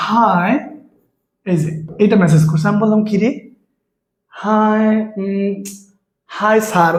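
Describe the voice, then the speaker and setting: A man's voice: high voice, a little mellow, roomy sound. A male English teacher giving an online exam-prep lesson, repeating points, asking questions and answering them himself, with chatty asides to viewers. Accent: Bangladeshi Bengali.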